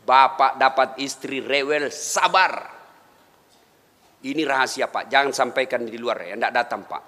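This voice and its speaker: A man's voice: medium pitch, a little slow. A man preaching a humorous sermon, chuckling and speaking directly to his congregation. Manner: animated, chuckling, addresses the audience directly. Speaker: Islamic preacher. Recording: reverberant hall, faint background noise.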